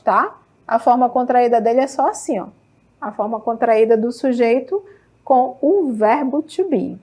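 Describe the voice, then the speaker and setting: A woman English teacher with a Brazilian Portuguese accent, explaining grammar step by step in a televised lesson and reading English examples slowly. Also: high-pitched. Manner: patient, explains step by step with frequent checks like "tudo bem?".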